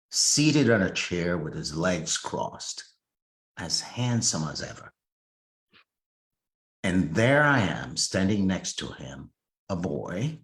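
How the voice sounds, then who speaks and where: A man from Haiti, a coach invited as a guest, telling a childhood story in a slow, reflective way with restarts. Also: deep voice, reverberant. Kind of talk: conversational storytelling.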